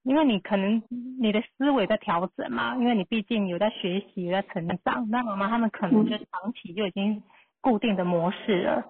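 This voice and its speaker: A woman with a Taiwanese Mandarin accent, a numerology teacher explaining calmly and reassuringly on a live podcast. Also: medium pitch, a little fast, a crowd in the background. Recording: phone-like narrow-band line.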